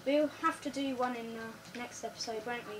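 A girl co-hosting a building game chats quickly in a slightly croaky, fairly high voice with a steady tone, often repeating words in a hurry under time pressure. It's casual gameplay talk in a living room in front of a TV. A phone camera films the TV screen, so the audio is far-off with room noise.

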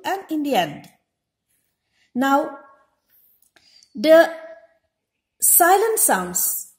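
The recording, made in an echoey room, captures a high-voiced woman giving a slow, careful classroom lesson. Each example word gets repeated slowly, followed by her explanation.

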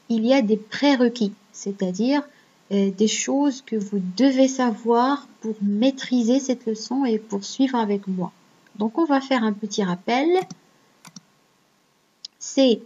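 A woman's voice: fairly high pitch, darkish tone, slightly rough, highs cut off. A woman teaching a grammar lesson online, patiently explaining step by step and checking in with her students. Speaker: French teacher.

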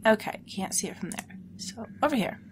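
A woman hosting a let's play series gives casual video game commentary, chattily thinking aloud as she plays. Her scratchy, sore-throat voice is fairly high, expressive and a little fast.

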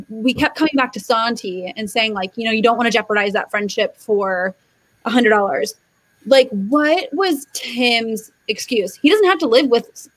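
Chatty woman, quick filler-heavy talk. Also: a little high, no room sound, poor audio. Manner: animated, many fillers and restarts. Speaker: guest panelist. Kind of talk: casual chat.

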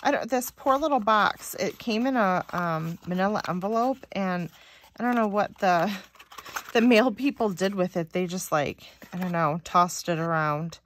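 A woman's voice: mid-range voice, moderate pace, a little hiss or hum. A woman vlogger chatting casually as she unboxes planner stickers, reading each phrase aloud with many likes and ums.

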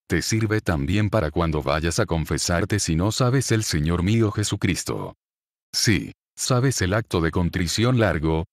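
A man's voice: deep voice, no echo, clean studio sound. A man with a Spanish accent, a priest giving a religious talk to an audience and repeating key phrases as he teaches. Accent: Spain.

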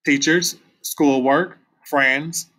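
A man reading aloud and voicing a gentle teenage older sister who speaks softly and coaxingly. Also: fairly high pitch, fairly even intonation, very slow, exaggerated voice. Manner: soft, coaxing.

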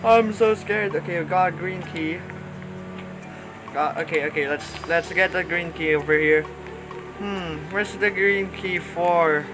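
A man's voice: high-pitched, unhurried, rough recording. Jittery young man panicking through a game. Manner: nervous, panicky, repeats "oh no" over and over. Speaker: gaming YouTuber. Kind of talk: let's play commentary. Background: game music.

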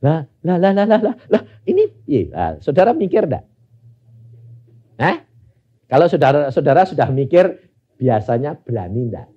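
A male pastor preaching a storytelling sermon, asking the congregation rhetorical questions and moving between loud emphasis and low murmurs. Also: wildly swooping pitch, normal speed, pauses often, breathy edge, highs cut off.

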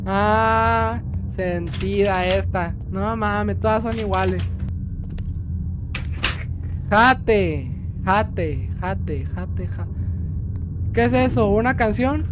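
Young male streamer, Mexican accent, high voice, rude banter, yelps at scares. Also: drawn-out words, pauses often, noisy background. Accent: Mexican Spanish. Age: young adult. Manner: crude joking, talks back to game characters; yells when startled. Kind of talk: gameplay commentary.

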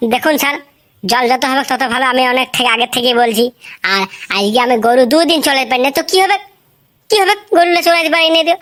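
This woman's voice sits high and sounds fairly bright. She plays a whiny, chatty village schoolboy in a comic cartoon, using a rural western Bengali accent. The boy's speech is childlike, lisped, rambling and repetitive.

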